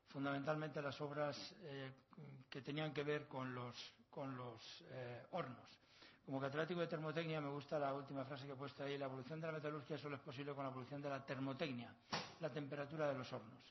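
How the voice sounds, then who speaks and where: Speaking in a mid-range voice in a long conference hall, a university professor from La Mancha, middle-aged and with a Castilian accent, delivers an erudite, wandering lecture full of proverbs and scholarly asides. The recording sounds somewhat dull and lo-fi.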